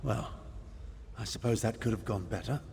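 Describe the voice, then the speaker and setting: A pompous noble mage in a fantasy video game. His voice is gravelly, measured and drily resigned. It rings in a long reverb with faint noise behind it. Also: on the low side, a little mellow. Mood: wry, composed.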